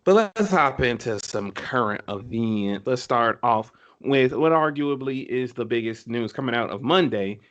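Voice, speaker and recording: A man's voice: medium pitch, expressive, a little slow, hardly any pauses, fairly bright tone. A man co-hosting a casual podcast, talking enthusiastically with many fillers and restarts. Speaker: podcast co-host. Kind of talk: casual chat.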